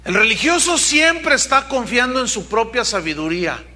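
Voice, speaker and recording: A man preaching a sermon as pastor, telling stories and reading scripture with lively acted-out quotes. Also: very high voice, normal speed, a little hiss or hum. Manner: animated preaching, acts out quoted people.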